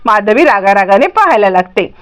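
A woman narrating a retelling of a TV serial episode, lively and quoting characters. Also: medium pitch, fairly quick.

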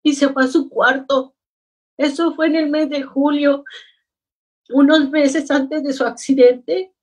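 A middle-aged woman, a grieving mother, telling her story slowly and haltingly in an interview. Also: high-pitched, steady tone, distant mic. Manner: slow, halting, heavy with grief. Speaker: guest, bereaved mother. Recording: voice from away from the mic.

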